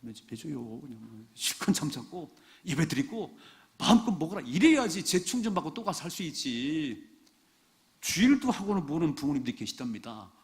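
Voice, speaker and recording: Animated Korean man preaching. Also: fairly high pitch, moderate pace. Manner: animated preaching, rhetorical questions to the congregation. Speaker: pastor. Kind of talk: sermon.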